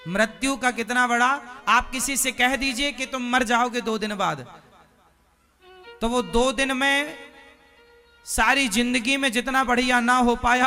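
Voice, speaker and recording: A man's voice: very high voice, sharp tone. A man giving a devotional sermon, telling a story and acting out its characters while asking the audience questions. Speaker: preacher.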